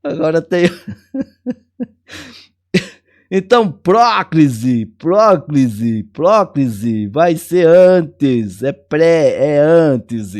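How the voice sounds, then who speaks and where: A man's voice: fairly high pitch, lively intonation, drawn-out words, hardly any pauses, a little mellow. A man with a Brazilian Portuguese accent teaching a casual exam-prep lesson, chatty and jokey, repeating key words.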